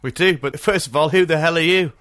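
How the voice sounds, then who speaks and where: A man, co-hosting a casual podcast, chatty and quick to laugh as he rambles through memories. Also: fairly high pitch, a bit bright, dry recording. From North East England. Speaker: podcast co-host.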